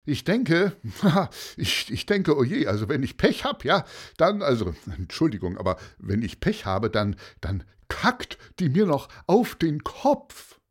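A man's voice: on the high side, very animated, measured pace, husky, voice pushed up, exaggerated voice. A man reading a storybook, voicing Martin Motzke, a gloomy pupil who whines, sighs and stammers. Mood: fretful. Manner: whiny, sighing, stammering.

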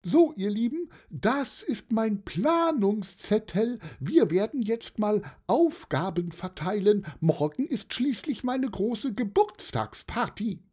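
A narrator voicing a cheerful, excitable elderly aunt who chatters with little "äh" fillers, in a storybook reading. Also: takes it slowly, hardly any pauses, slightly rough, full character voice. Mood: bubbly. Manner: bubbly, high and excited, with hesitant "äh" fillers. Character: cheerful elderly aunt hosting a birthday party.

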